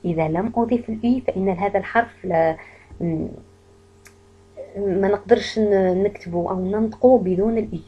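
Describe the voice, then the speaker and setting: A woman teaching a French pronunciation lesson, patiently saying each word slowly and then repeating it. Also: medium pitch, breathy edge, muffled recording.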